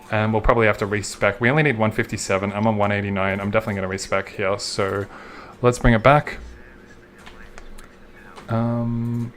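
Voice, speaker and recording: A man's voice: lowish voice, a bit bright, a little hiss or hum. A young Australian man streaming a game, chatting casually and swearing now and then as he answers chat.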